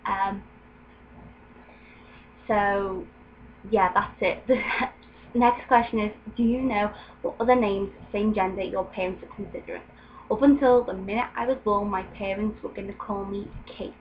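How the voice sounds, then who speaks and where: A young woman from England vlogs casually from home, her medium-pitched voice unhurried with fairly even intonation and frequent ums. The highs are cut off, and faint noise filters in through an open window.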